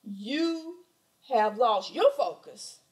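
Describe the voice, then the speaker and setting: Animated Southern woman preaching. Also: a little high, extremely slow, low-quality recording. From southern United States. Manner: animated preaching with rhetorical questions and emphatic repetition. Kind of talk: sermon. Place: church sanctuary at a pulpit. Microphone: pulpit microphone.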